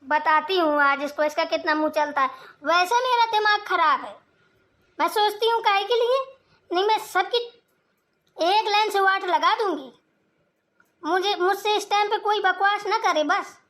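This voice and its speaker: A woman voicing an angry, proud old village mother-in-law in a Hindi cartoon, scolding her sons in a sharp-tongued way. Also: very high voice, normal speed.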